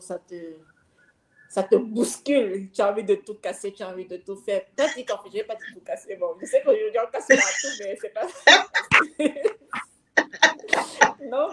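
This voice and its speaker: A woman's voice: medium pitch, echoey room. A woman speaking as a guest on a live online talk, searching for words with many fillers and restarts.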